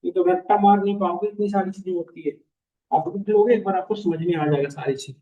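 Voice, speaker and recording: A man teaching a class, mixing English phrases into his Hindi and repeating key lines slowly for students to write down. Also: high-pitched, fairly even intonation, mellow, lo-fi sound. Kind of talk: classroom lecture.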